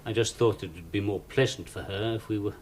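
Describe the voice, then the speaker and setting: A middle-aged actor playing a patient, probing police detective who questions a suspect in a 1970s television police drama. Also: male voice, lowish voice, brisk, a little hiss or hum, lightly acted. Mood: firm. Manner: calm, probing, coaxing then pressing.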